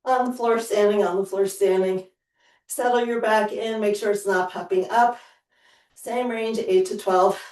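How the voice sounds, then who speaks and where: A woman's voice: mid-range voice, fairly even intonation, unhurried, darkish tone. Woman fitness coach, reassuring, counts reps, echoey room, distant from mic. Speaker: fitness instructor. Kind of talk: live workout coaching. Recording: roomy sound from away from the mic.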